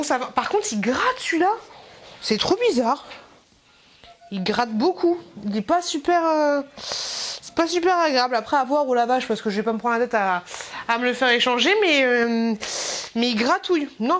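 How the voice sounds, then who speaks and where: A young woman chatting casually as she shows a clothing haul. She rambles, laughs often and turns aside to talk to her baby. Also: high voice. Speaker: mom vlogger showing a clothing haul.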